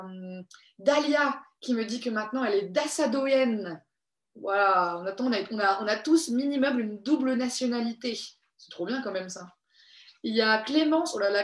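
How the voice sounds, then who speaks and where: Cheerful woman hosting a children's workshop. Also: on the high side. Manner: cheerful and encouraging, reads out viewers' comments. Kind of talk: live online craft workshop. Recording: echoey room.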